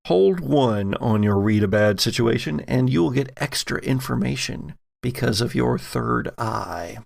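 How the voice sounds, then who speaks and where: A man with a gravelly, medium-pitched, slightly mellow voice narrates a tabletop horror game as game master. His storytelling is deliberate, dramatic and expressive, recorded with clean studio sound and no room noise.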